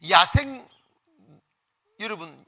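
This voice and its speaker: A man's voice: sits high, expressive, drawn-out words, bright, forceful tone. A male pastor delivering a Sunday sermon with fervent preaching, leading the congregation in call-and-response.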